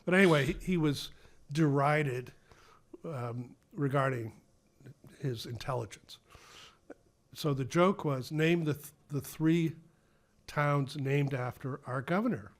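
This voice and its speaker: An older man speaking with an Ipswich, Massachusetts accent, settled into a casual conversation as a guest. He talks slowly and unhurriedly, wandering through asides and poking fun at himself. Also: fairly high pitch. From Massachusetts, USA. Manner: rambling, self-deprecating, chuckling. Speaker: podcast guest.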